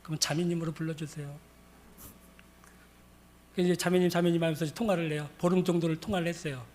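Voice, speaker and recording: A man with a high voice preaches a sermon. He tells a story and acts out the dialogue along the way, in a plain pastor's delivery. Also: fairly even intonation, fast talker, darkish tone.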